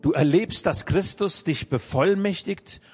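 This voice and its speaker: A man preaches earnestly, pushing his voice up on the phrases he stresses. His voice sits somewhat high for a man. A long reverb trails his words, with soft music faintly underneath. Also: a little slow. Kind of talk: sermon.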